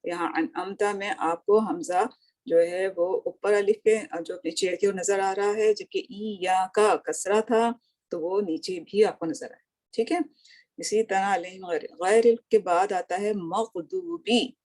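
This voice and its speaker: Woman teacher, unhurried and patient, mid pitch, question-and-answer lesson style. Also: steady tone, darkish tone. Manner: asks questions and answers them herself; slow, patient, drawn-out recitation of words. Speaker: Arabic grammar teacher. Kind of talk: recorded lesson, explaining line by line.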